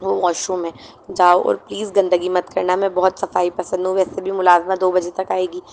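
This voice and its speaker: A woman's voice: lowish voice, completely flat delivery, a little mellow, a little hiss or hum, lightly acted. A woman voicing an irritable young male college student who grumbles and speaks curtly. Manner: grumbling, curt.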